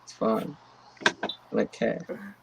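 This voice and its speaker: A man's voice: takes it slowly, noisy background. A man in a casual group chat, easygoing and jokey.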